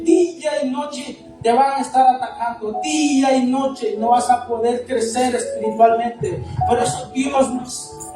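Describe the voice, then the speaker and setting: High-voiced preacher man in an echoey hall. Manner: impassioned, repetitive, rising to shouts. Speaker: evangelist preacher. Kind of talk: sermon testimony. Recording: echoey far-off hall with music. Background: music.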